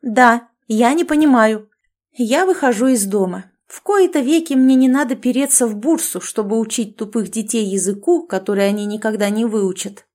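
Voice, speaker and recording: A woman's voice: a little high, a little fast, few pauses, mellow, close to an everyday voice. A woman voicing a domineering, self-certain female friend who lectures and commands in a sarcastic tone, in an audiobook. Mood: indignant. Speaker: language teacher.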